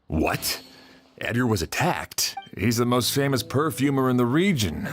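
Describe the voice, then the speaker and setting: A man voicing a determined middle-aged town sheriff in a video game, brisk and firm. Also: medium pitch, very animated. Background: game music.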